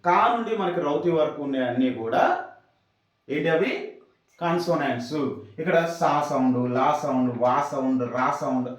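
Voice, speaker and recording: A man teaching English sounds step by step, pausing often to remind his students what to remember. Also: fairly high pitch. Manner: explaining step by step, repeating reminders. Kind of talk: classroom lesson. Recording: echoey room, voice from far off.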